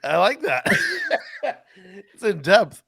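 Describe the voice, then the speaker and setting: Male podcast co-host, animated delivery, laughs easily, dry sound. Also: high voice, slow pace, creaky, breathy edge, dry recording. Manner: laughs often, encouraging. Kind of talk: casual chat.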